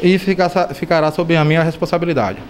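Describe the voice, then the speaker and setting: A man chairing an inquiry committee, answering a reporter calmly with small stumbles in a council chamber. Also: on the high side, quick pace, crowd noise. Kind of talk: press interview.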